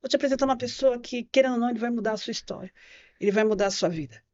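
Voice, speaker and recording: As a podcast guest, a woman races through her personal testimony in a fairly high, darkish voice. She tells it vividly, acting out the voices of people she quotes, and the podcast audio is slightly muffled.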